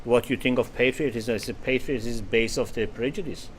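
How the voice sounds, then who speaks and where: Halting man in casual discussion. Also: medium pitch, a little hiss or hum. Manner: halting, repeats words while searching for phrasing. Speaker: co-host.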